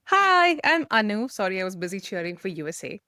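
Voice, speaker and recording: A woman's voice: medium pitch, sing-song, brisk, sharp tone, no room sound, clean studio sound. A woman born and raised in India, co-hosting a podcast and telling stories in a chatty, enthusiastic way. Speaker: podcast co-host. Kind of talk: casual chat.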